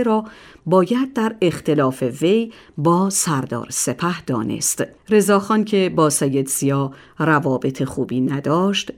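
A woman presenting a daily history calendar, reading a formal script in a measured way. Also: deep voice. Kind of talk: scripted narration.

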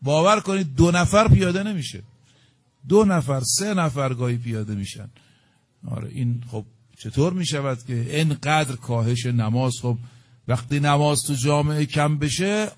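A middle-aged man delivers a religious sermon at an unhurried, conversational pitch. He tells a story and voices its characters' lines with emphatic rises and drops. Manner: storytelling, acting out dialogue with rising emphasis. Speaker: preacher.

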